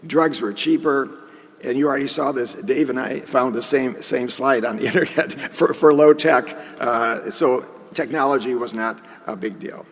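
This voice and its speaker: A man's voice: mid-range voice, moderate pace, breathy edge. A man giving a conference lecture in a conversational way, with joking asides. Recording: long hall reverb.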